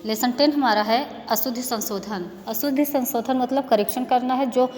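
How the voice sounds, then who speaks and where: Higher-voiced teacher in an echoey room. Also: female voice, darkish tone. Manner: patient, repeats words slowly for young pupils. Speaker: school teacher. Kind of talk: classroom grammar lesson. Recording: echoey room with faint background noise.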